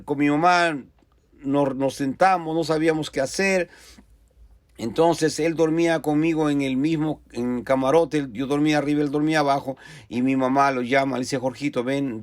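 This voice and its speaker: High-voiced man preaching a testimony. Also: no room sound. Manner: earnest storytelling with repetitions and restarts. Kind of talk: personal testimony in a sermon.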